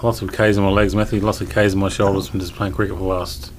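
A low-pitched Australian man in his forties tells stories bluntly and swears freely. His talk is casual, like a podcast chat. A faint hiss sits under his voice. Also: flat delivery, fast, low-quality recording. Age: 40s. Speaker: guest cricketer.

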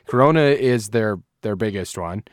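A man's voice: lowish voice, expressive, normal speed, no room sound. Guy w/ wisconsin accent rambling on a beer podcast, casual n a bit sweary, dry close sound. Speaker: podcast co-host.

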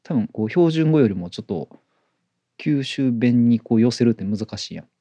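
With no room sound, a Kansai-born co-host speaks in a dark, mid-range voice, animated and moderately paced. His accent mixes Kyoto and Kobe, and in the casual chat he often repeats short words of agreement.

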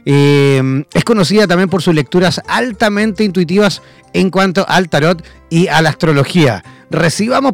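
Host of an online talk show, a man who emcees with enthusiasm and formal introductions. His voice sits high with some gravel, over faint background music.

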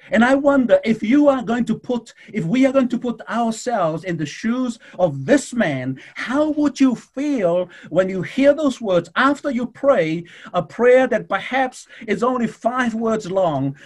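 A man preaching a sermon in a husky, slightly raspy voice that sits high for a man. He speaks fervently to his congregation, slowing down and dropping low for dramatic pauses. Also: darkish tone. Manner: addresses the congregation directly.

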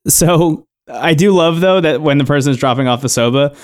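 A man co-hosting a podcast, recapping a reality show episode in a relaxed, rambling way with lots of fillers. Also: on the high side, moderate pace. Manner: relaxed storytelling, many "like" and "um" fillers. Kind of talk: casual chat.

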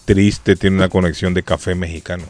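A very low-voiced man hosts a radio talk show. He is jovial and chiding, and he talks over the others in casual banter. Faint music sits beneath his voice. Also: little pitch movement, fairly quick, darkish tone. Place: radio studio.

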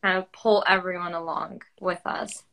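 A woman's voice: on the low side, fairly even intonation, moderate pace, gravelly, sharp tone. Giggly woman guest saying "like" a lot. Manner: laughing often, many "like"s. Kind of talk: casual spiritual conversation.

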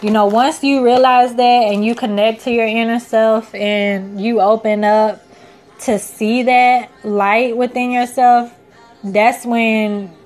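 A woman's voice: on the high side, fairly even intonation, slow pace, a little mellow. A woman in her twenties hosting a casual self-help podcast, talking in an earnest, encouraging, rambling way full of "you know" and "like". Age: 20s. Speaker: podcast host.

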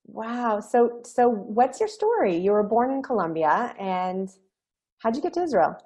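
A woman's voice: a little high, very animated, unhurried, dark tone, slightly rough. A woman hosting a podcast interview, effusive and affirming as she asks questions. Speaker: podcast host. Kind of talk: casual interview talk.

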